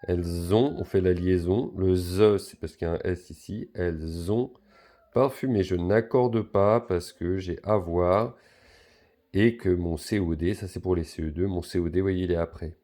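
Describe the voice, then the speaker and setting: A man teaching a recorded primary school lesson, patiently explaining step by step with a lively, rising and falling delivery. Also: low voice, normal speed.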